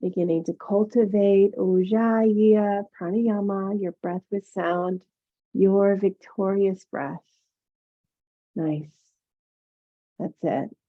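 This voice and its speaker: A woman teaching yoga and meditation, guiding relaxation in a gentle, soothing murmur with pauses. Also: mid-range voice, fairly even intonation. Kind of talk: guided meditation instruction. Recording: phone-like narrow-band sound.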